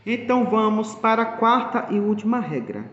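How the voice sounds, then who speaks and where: Man, teacher, high voice, repeats himself patiently. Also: very animated, fairly bright tone, lo-fi sound. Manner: slow, explanatory, repeats points. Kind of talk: grammar lesson. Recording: echoey room, long reverb.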